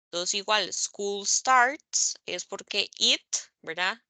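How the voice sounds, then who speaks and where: A woman teaching English grammar in an online class, speaking slowly and carefully, spelling out letters and repeating examples. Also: mid-range voice, bright, forceful tone, dry recording. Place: online meeting recording.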